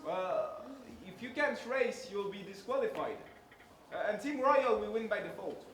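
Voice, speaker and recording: A man's voice: sits high, lively intonation, a little slow, a bit bright. A man acting a race commentator in a student stage play, addressing the audience like an announcer. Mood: announcing. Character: excitable male race commentator. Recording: echoey hall from far off, noisy.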